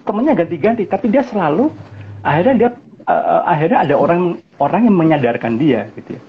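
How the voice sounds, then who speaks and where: Man, guest speaker, animated storyteller who acts out quotes, lightly muffled live-stream sound. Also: fairly high pitch, fast, a little hiss or hum. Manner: animated, acts out quoted people in raised voices, chuckles often. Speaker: guest speaker on family life. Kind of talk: casual talk on an Instagram Live.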